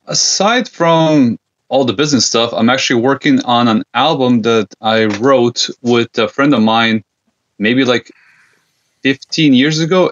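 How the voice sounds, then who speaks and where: A man's voice: mid-range voice, fairly bright tone. A man from Serbia, guesting on a podcast in easygoing, hesitant casual chat. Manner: easygoing, many fillers and hesitations. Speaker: guest, gear company founder. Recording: dull lo-fi sound.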